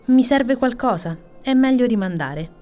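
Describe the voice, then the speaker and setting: A woman's voice: on the high side, animated, normal speed, mellow, faint music behind, voice pushed up, close to an everyday voice. A woman voicing a proud, touchy old male hedgehog who answers in a huffy, indignant way in a bedtime story.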